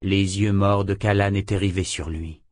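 Man reading a fantasy audiobook, lowish voice, dry close mic, slow dramatic telling. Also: fairly even intonation, a little mellow, no echo. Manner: measured, dramatic storytelling. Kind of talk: audiobook narration.

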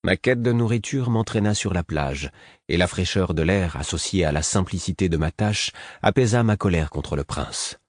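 Deep-voiced man narrating an audiobook. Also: animated, normal speed, no echo, clean studio sound. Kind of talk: first-person audiobook narration.

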